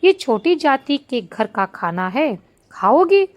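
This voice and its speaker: Woman doing a high, mocking palace maid. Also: big pitch swings, takes it slowly, highs cut off, exaggerated voice.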